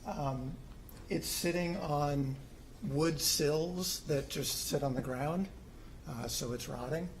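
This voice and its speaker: A middle-aged homeowner speaks in a city hall meeting room, informally presenting his own plans to a city commission. His fairly high voice moves slowly, full of ums and restarts. The audio is poor, with slight background noise.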